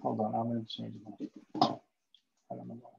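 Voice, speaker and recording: A man's voice: mid-range voice, monotone, moderate pace, vocal fry, background noise. A man giving an online lecture in a casual explaining manner with lots of fillers, his voice muffled as if heard through a wall. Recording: dull, muffled lo-fi mic sound.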